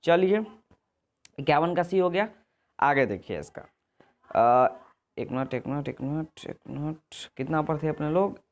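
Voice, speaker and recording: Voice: medium pitch, animated, measured pace, pauses often, dull audio. Teacher walking through answers. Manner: repetitive, often self-correcting with "sorry"; checks in with "ठीक है" and "आगे देखिए". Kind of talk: exam answer walkthrough lesson.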